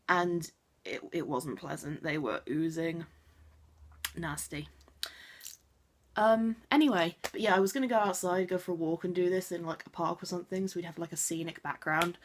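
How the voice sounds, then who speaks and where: A woman's voice: lowish voice, a little hiss or hum. A young woman from Wiltshire, chatting to camera from her bedroom in a rambling, self-deprecating way. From Wiltshire, England. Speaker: vlogger. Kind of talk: casual chat to camera.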